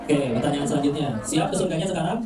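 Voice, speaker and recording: A man's voice: fairly high pitch, fast, very noisy. A man preaching a casual, joking religious lecture to a crowd, often asking them questions and tagging lines with "ya". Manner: conversational, asks the crowd questions, frequent "ya". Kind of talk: lively religious lecture with jokes and audience questions. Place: mosque hall. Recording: echoey hall, mic heard from a distance.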